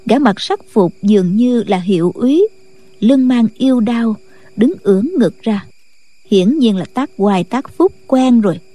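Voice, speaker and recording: A woman narrating a martial-arts novel in a steady, scripted late-night storytelling style. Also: fairly high pitch, a little slow. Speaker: audiobook narrator.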